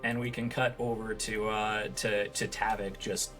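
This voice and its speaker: A man narrating a tabletop game as game master, improvising scenes in a halting, self-correcting way. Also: fairly low pitch, flat delivery, a bit bright, faint music behind.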